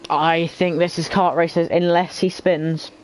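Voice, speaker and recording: A man giving casual lead commentary on an online racing league, sometimes halting as he thinks aloud between calls. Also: fairly high pitch, level tone, poor audio. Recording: faint background noise.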